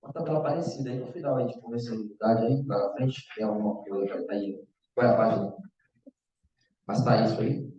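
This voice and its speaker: Speaking fairly quickly in a dark-toned, medium-pitched voice, a man runs an informal online exam-prep math lecture and keeps checking in with the class. The room sound is echoey, distant and dull, distinctly lo-fi.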